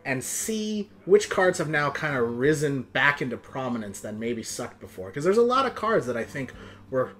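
A man's voice: medium pitch, very animated, normal speed, a bit bright. A young man giving casual, slangy live game commentary to viewers, moving between exclaiming and muttering. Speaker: video game streamer. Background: game music.

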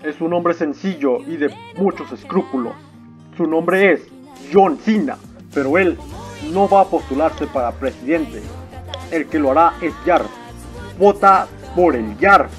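A man putting on the voice of a slow, dramatic political campaign ad announcer, a little away from the mic. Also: fairly high pitch, expressive, fairly bright tone, soft background music. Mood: solemn.

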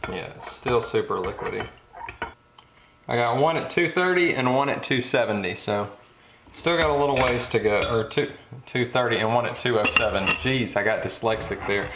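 A young man hosts a casual how-to vlog from his home garage workshop, relaxed and chatty, thinking aloud with fillers as he works. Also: mid-range voice, moderate pace. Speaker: fishing channel host. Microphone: camera mic. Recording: echoey garage with background noise.

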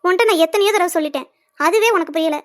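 A woman voicing a sharp-tongued, resentful young woman in a cartoon serial, cutting and scornful. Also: extremely high pitch, very fast.

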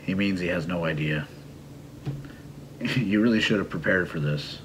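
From a computer desk in a small room at home, a middle-aged man who teaches English and hosts videos explains idioms casually, with a teasing edge. He speaks in a deep voice at an ordinary pace, and there is background noise.

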